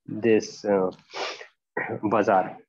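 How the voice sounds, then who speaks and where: A young man giving halting, deferential answers as a candidate in a job interview. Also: on the low side, flat delivery, a little mellow, dry recording. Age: young adult. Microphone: earphone mic on a video call. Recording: dull lo-fi video call audio.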